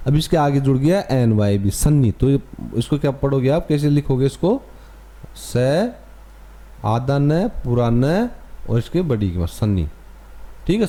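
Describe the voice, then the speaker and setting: A man's voice: medium pitch, mellow. A man with an Indian accent teaching English to young pupils, patiently repeating words and spelling them out letter by letter.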